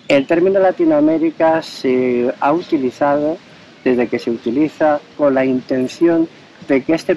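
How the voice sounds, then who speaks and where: A man's voice: fairly high pitch, warm tone. A man from Spain conducting a street interview outdoors, asking leading questions and explaining his points at length. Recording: dull audio with faint street noise.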